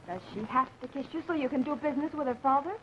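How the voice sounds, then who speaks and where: An actress playing an adoring but jealous young sweetheart, sugary and indignant, in 1940s screwball comedy film banter. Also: female voice, sits high, racing, lightly acted. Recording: dull, noisy 1940s film soundtrack.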